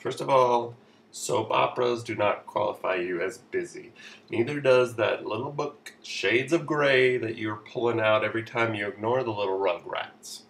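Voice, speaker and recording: A man's voice: fairly low pitch, normal speed, creaky, fairly bright tone, recorded from a distance. A man giving sarcastic, mock-authoritative parenting advice in a comedy vlog. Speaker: comedy vlogger. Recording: roomy echo, off-mic, faint noise.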